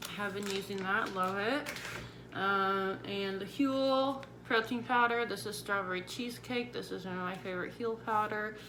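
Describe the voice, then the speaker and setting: Woman, bright voice, recovering from jaw surgery, casual vlog, chatty and explanatory, some background noise. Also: medium pitch, moderate pace, poor audio. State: recovering one week after double jaw surgery. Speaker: vlogger sharing surgery recovery tips. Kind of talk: casual vlog talk to viewers.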